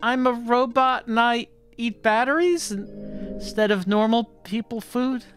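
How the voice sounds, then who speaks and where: A man's voice: a bit bright, soft background music. A man putting on a goofy robot voice for a silly beeping robot that eats batteries. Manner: high, slow, deliberately silly robot voice. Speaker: game streamer. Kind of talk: playing a goofy robot on request.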